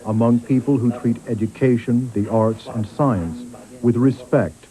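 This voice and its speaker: Man, documentary narrator, grave and measured, mellow voice, worn vhs tape copy. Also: medium pitch, fairly even intonation, rough recording. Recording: faint music underneath, worn tape.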